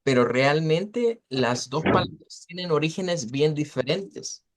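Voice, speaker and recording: A man teaching English pronunciation in Spanish in an online class, explaining patiently, repeating words slowly and using many fillers. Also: on the high side, lively intonation.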